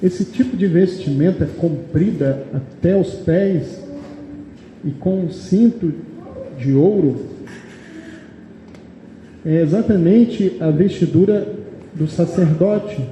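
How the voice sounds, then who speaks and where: Speaking slowly with long pauses, this man has a high, mellow voice and a Brazilian Portuguese accent. He delivers a sermon at a church meeting, reading verses aloud, explaining them and frequently asking the congregation "amém?". Faint background noise and long reverb fill the echoey hall.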